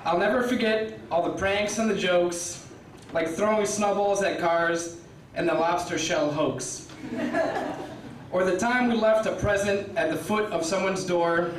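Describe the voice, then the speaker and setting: A young man reading a rhyming best-man toast aloud from paper at a wedding reception, pausing for laughs. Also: sits high, slight background noise. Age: young adult. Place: wedding reception hall, indoors. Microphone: stand mic, filmed by a far camera. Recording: roomy hall audio from a distant camera. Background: guests laughing.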